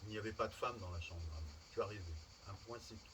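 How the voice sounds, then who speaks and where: A man's voice: mid-range voice, huge pitch swings, measured pace, distant mic, heavy background noise. A man reading as a blunt, distraught daughter. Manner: blunt and curt.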